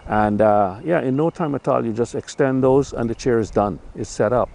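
An older man casually reviewing a camping chair outdoors by a lake on a lapel mic, talking in a relaxed, rambling way with lots of fillers. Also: mid-range voice, normal speed, gravelly. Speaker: gear reviewer.

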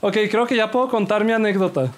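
A young Mexican man streaming a game, rambling and joking with his chat and reacting loudly. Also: high voice, fast talker. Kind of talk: casual livestream chat.

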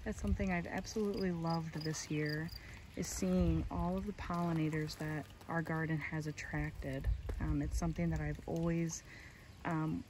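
A young woman with a low voice walks through her backyard garden, talking casually to her phone camera. She is chatty and enthusiastic, with plenty of "um"s. Crickets and insects chirp clearly behind her in the open air. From Michigan. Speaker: gardening vlogger. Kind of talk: casual garden tour narration. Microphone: handheld phone camera. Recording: outdoor phone audio with insect noise. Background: crickets and outdoor ambience.

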